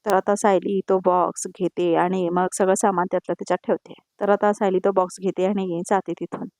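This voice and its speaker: A woman's voice: fairly low pitch, level tone, a little fast, darkish tone, no echo, studio quality. Chatty woman recapping a serial. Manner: conversational, opinionated, repetitive connectives. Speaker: serial review narrator. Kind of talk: voice-over episode recap.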